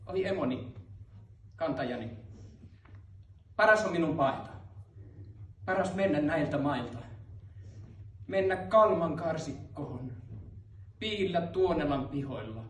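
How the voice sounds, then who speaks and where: A man's voice: on the high side, animated, pauses often, close to an everyday voice. A man chanting as a frightened young son. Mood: pleading. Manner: pleading, chanted verse. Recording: roomy hall, mic far off.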